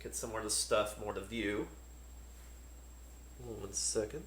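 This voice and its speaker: A man's voice: lowish voice, measured pace, background noise. Man thinking aloud in an echoey room. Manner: relaxed, thinking aloud, many fillers. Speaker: board game streamer. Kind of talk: casual unboxing commentary.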